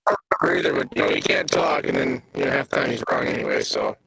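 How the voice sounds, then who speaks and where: A man's voice: mid-range voice, huge pitch swings, quick pace, vocal fry, pushed and bright, husky, no room sound. Man on a muffled bluetooth headset. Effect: muffled, garbled bluetooth headset mic that sounds underwater. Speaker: regular podcast co-host. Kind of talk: casual chat over a call.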